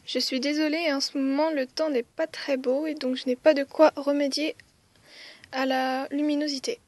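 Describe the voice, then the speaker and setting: A woman's voice: high-pitched, little pitch movement, moderate pace, dry recording. A woman teaching a writing lesson step by step, with frequent "euh" hesitations and counting strokes aloud. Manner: counts strokes aloud, softly whispering some counts. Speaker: language teacher.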